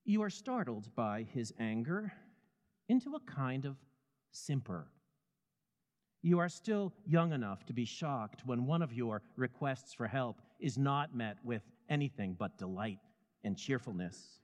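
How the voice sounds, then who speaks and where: Man narrating a story with lively pitch. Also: long reverb tail. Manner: measured, vivid storytelling. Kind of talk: scripted second-person narration.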